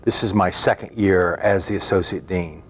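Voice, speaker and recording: Measured middle-aged man, lowish voice. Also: husky. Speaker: talk show guest, university dean.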